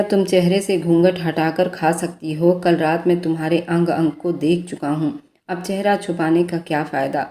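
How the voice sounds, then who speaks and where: A man's voice: a little high, dark tone, natural voice. A woman voicing a playful young husband. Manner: playful, coaxing. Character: teasing young newlywed husband, affectionate. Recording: roomy echo.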